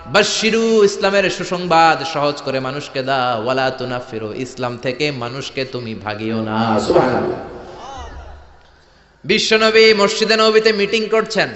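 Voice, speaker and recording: A man delivers a rousing sermon in a fairly high voice. He urges the crowd to shout back and tells folksy, humorous stories. The sound rings through a large, echoing hall on a dull, lo-fi recording. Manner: rousing, calls on the crowd to answer aloud; colloquial, humorous storytelling. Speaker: preacher. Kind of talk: Bengali waz sermon to a crowd.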